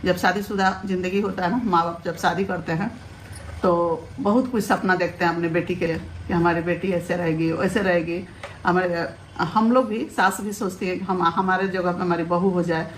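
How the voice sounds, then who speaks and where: A woman, talking to her viewers in a casual vlog and giving earnest advice in a steady, homely way. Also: fairly low pitch, normal speed, slight background noise. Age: 50s. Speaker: family vlogger, mother-in-law.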